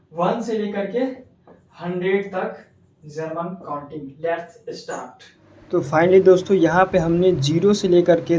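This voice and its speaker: A man from India, teaching a casual video lesson. He explains slowly, repeats words and asks the viewer questions. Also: high voice, warm tone, recorded from a distance, slight background noise. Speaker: language teacher. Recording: echoey room, voice a bit off mic.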